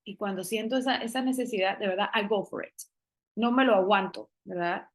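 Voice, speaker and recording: A woman's voice: mid-range voice, brisk. A middle-aged woman sharing a personal faith testimony in a casual conversation, speaking earnestly with many restarts and the odd English phrase.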